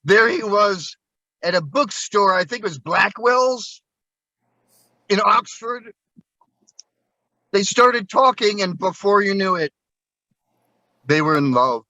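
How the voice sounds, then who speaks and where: A man does his magic act as a slow, playful storyteller. His voice sits high and bright, and now and then he breaks into excited whoops. The recording is dry and a little dull, with no room around it. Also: no room sound. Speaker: magician performing at an open mic show. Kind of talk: storytelling patter during a coin trick.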